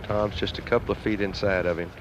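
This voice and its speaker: A man with a lowish voice comments on golf in an informal, reflective way, like a chat between calls. The old broadcast audio is dull, with clear outdoor noise behind him. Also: steady tone, fast talker. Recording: dull, noisy vintage TV broadcast.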